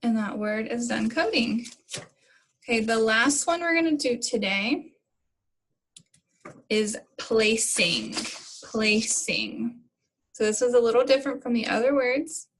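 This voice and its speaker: A woman teacher explaining phonics coding step by step in a slow, patient way to young pupils. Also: a little high, a little hiss or hum, poor audio. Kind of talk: recorded phonics lesson for children.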